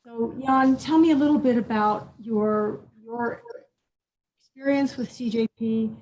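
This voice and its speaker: Speaking at a fairly high pitch and an unhurried pace, a woman acts as host of a scholarship program, addressing the audience with warm-up chatter full of fillers and repetition. The sound is dull, lo-fi, and faintly noisy.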